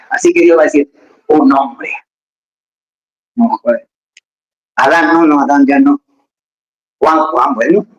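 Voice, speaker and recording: A preacher delivering a lively sermon in a loose, conversational way. The talk is peppered with joking asides and questions thrown out to the listeners, in a mid-pitched voice. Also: low-quality recording.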